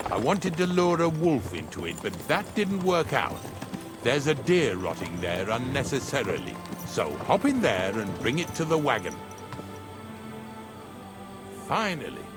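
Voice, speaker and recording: An actor playing a gruff, talkative older rustic wagon driver in a medieval video game, with a folksy, rambling manner. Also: male voice, mid-range voice. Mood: matter-of-fact, bossy. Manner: folksy, rambling, plain-spoken. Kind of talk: video game dialogue acting. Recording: music behind the voice.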